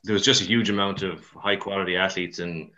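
Irish guy w/ west of ireland accent, deep voice, rambly colloquial chat, bit lo-fi recording. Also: fairly even intonation, fairly quick, pushed and bright. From Mayo and Dublin, Ireland. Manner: rambling, colloquial, self-deprecating. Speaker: CrossFit coach, podcast guest. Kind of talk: casual interview chat.

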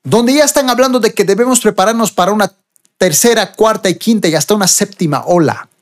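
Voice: mid-range voice, a little fast. A preacher from Bolivia, giving a sermon and reading scripture verses with rising emphasis.

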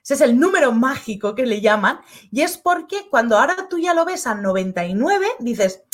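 Lively woman with a Spain Spanish accent. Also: on the high side, normal speed. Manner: chatty, acts out little dialogues with shifting voices. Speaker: online course creator and live-stream host. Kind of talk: casual live-stream talk reading chat comments.

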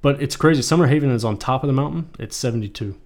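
A man with a middle-pitched voice hosts a relaxed podcast chat. He rambles from one thought to the next, cracks jokes, and lets the odd swear word slip. His tone stays easygoing throughout. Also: fast talker. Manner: rambling, joking, swears freely. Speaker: podcast host. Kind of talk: casual chat.

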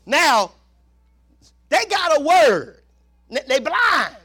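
A man in his fifties preaching a sermon as pastor, swinging between shouted exclamations and hushed, low asides. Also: big pitch swings, drawn-out words.

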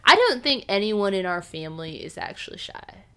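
A woman's voice: mid-range voice, big pitch swings, normal speed, fairly bright tone, smooth. A woman co-hosting a casual podcast chat, telling stories with animation and laughing often. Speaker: podcast co-host.

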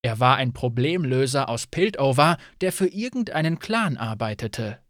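A man reading a fantasy audiobook as narrator in an expressive, scripted style. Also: medium pitch, moderate pace, dry recording, studio quality.

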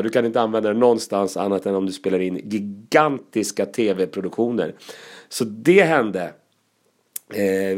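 A comedian telling casual, lively anecdotes, with laughs and asides. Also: male voice, medium pitch.

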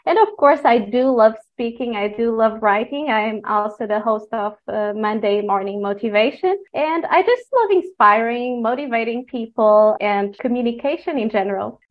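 A woman from Portugal with a fairly high voice, hosting a podcast chat. She talks in an upbeat, motivational way. The recording sounds a bit dull and lo-fi. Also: normal speed, hardly any pauses. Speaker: host and life coach. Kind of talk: podcast conversation.

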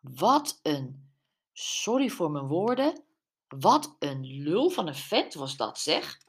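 A woman voicing a blunt, teasing female friend who talks in a hushed, cheeky way. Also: high voice, unhurried, pitched above the performer's own voice.

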